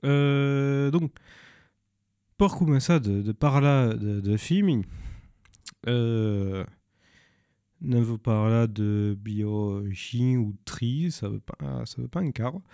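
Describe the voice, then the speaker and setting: A man speaks slowly in a smooth, mellow voice, stopping often to search for words in a language that is not his own. He is recommending films in a dry, close recording. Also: mid-range voice, animated, no room sound. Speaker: film presenter. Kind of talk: informal spoken film recommendations.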